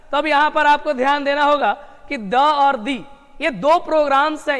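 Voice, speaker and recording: High-voiced chatty grammar teacher, reverberant. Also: male voice, a bit bright. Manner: chatty, repetitive, addresses students as brother and friend. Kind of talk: exam-prep grammar lesson.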